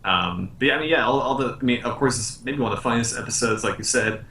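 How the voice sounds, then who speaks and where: A man's voice: mid-range voice, quick pace, creaky, sharp tone, far from the mic. A young man co-hosting a podcast, chatting casually and agreeably, hedging with "I mean" and "probably". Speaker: podcast co-host. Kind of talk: casual chat. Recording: roomy, away from the mic.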